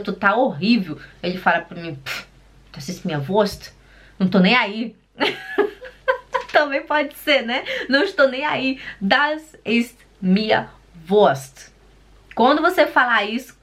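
A woman with a Brazilian Portuguese accent gives a casual online German lesson. She chats, laughs often, ends phrases with a questioning tag and slows down to spell out words. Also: on the high side, fairly bright tone. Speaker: German teacher.

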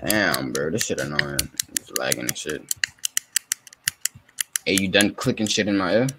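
A man's voice: sits low, lively intonation, moderate pace, heavy background noise. A young man in his twenties hosting a podcast, teasing and swearing in loose casual banter. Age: 20s. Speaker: podcast host.

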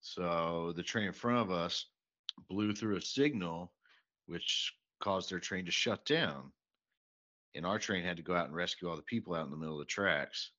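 A man's voice: sits low, moderate pace, pushed and bright. A man, co-hosting a casual podcast and telling a profane, exasperated story. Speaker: podcast co-host. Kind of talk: casual chat. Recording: dull lo-fi podcast mic.

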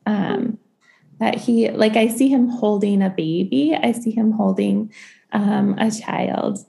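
Woman reader, very gravelly fry, mellow dark tone, gentle and reassuring, halting with ums. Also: medium pitch. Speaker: podcast host giving an angel reading. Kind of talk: intuitive reading conversation.

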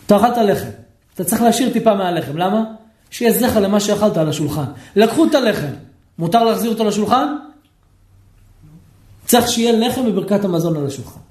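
A man, a rabbi, teaching a lively Torah lesson, questioning his listeners and acting out shouting people. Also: sits high, pauses often, roomy sound. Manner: animated, asks the audience questions, acts out shouting people.

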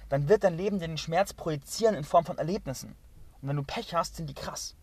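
As a spiritual coach, a man delivers an impassioned motivational monologue, speaking intensely and emphatically, repeating phrases, swearing, and sometimes dropping to a hushed half-whisper. His voice is husky and fairly high-pitched.

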